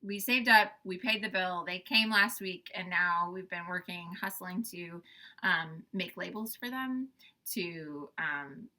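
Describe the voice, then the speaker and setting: A woman's voice: fairly low pitch, unhurried, sharp tone. A young adult woman, a farm host, tells a story in a casual, chatty way. She laughs often and uses lots of fillers. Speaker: farm owner and show host.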